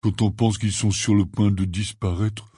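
A man reading the part of a huge, gruff but kindly half-giant gamekeeper in an audiobook, telling his tale in a rambling, earnest way. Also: fairly low pitch, level tone, normal speed, warm tone, no echo, studio quality. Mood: rueful.

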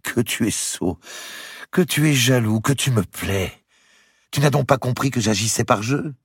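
Un homme qui prête sa voix à une jeune princesse joueuse, moqueuse et coquette, dans un livre audio. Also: male voice, medium pitch, measured pace, slightly rough, dry recording, clean studio sound, pitched above the performer's own voice. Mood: taquine. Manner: mocking, coquettish.

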